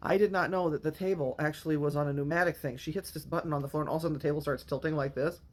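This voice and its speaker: A woman's voice: deep voice, fairly even intonation, racing, darkish tone. A woman in her fifties from the Midwestern United States tells a personal story straight to the viewer. Her delivery is candid and emotional, and she is blunt enough to swear freely. It sounds like a casual storytime monologue. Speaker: vlogger.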